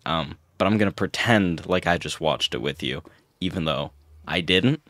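Deep-voiced laid-back young man. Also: moderate pace, fairly bright tone, no echo. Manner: laid-back, rambling, self-deprecating. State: short on sleep. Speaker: gaming YouTuber. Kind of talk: casual gameplay commentary.

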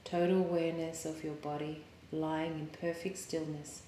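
Low, mellow woman guiding meditation, roomy echo. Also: a little hiss or hum. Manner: calm, soothing, measured with pauses. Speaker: yoga teacher. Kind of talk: guided meditation. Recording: roomy, echoing sound.

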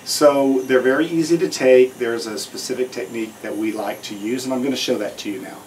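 A man's voice: mid-range voice, fairly quick, a little mellow. Middle-aged Texan man, noisy room. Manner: plain, step-by-step explaining. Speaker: dentist and instructor. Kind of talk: instructional demonstration. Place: small dental treatment room, indoors.

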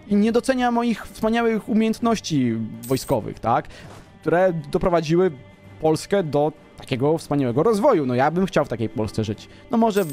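A man in a relaxed let's-play, swinging his fairly high voice up and down as he brags and jokes with his viewers. Soft music plays underneath. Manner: boastful, playful, talks to the viewers. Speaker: gaming commentator. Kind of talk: casual let's-play commentary.

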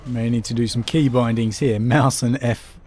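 A man's voice: medium pitch, steady tone, moderate pace, darkish tone, slight background noise. A man giving casual gameplay commentary as he plays. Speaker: let's player commenting on a game.

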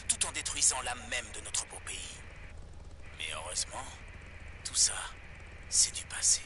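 A ranting pirate radio host. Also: male voice, mid-range voice, noisy background. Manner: ranting, conspiratorial, dramatic whispers. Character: male conspiracy-minded pirate radio host. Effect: pirate radio broadcast. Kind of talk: video game voice acting, dubbed.

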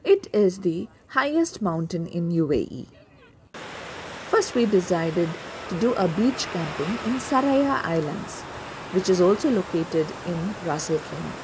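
A woman's voice: on the low side, sing-song, measured pace, noisy background. A woman, narrating a family camping vlog in a storytelling way. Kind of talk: scripted voice-over narration.

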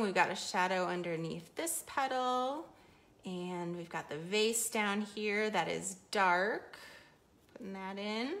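Bright-voiced lady doing a live paint-along, relaxed and chatty, talking as she paints. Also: medium pitch. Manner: loose, easygoing explanations with frequent "um" and "kinda". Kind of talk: casual live painting demo.

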